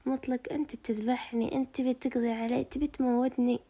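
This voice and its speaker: A woman's voice: fairly high pitch, flat delivery, quick pace, mellow, husky. A woman voicing an irritable, short-tempered young man who complains. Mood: irritated.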